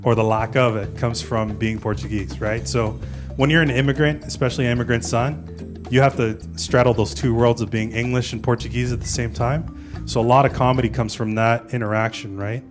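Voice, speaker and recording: A man's voice: mid-range voice, steady tone, fairly quick, over music. A man in his forties, a stand-up comedian, chatting casually about his life and telling jokes, often tagging his lines with "right?". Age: 40s. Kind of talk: casual interview and stand-up set.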